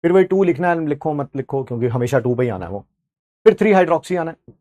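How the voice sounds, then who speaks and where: A man's voice: on the high side, animated, quick pace, mellow, no room sound. A man with an Indian accent teaching an online chemistry class in a chatty way, talking straight to his students and mixing in English terms.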